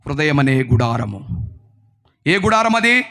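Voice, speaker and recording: Male pastor, emphatic sermon delivery with call-and-response, bright forceful tone. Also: on the high side, big pitch swings, unhurried. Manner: emphatic, questions the congregation and urges replies.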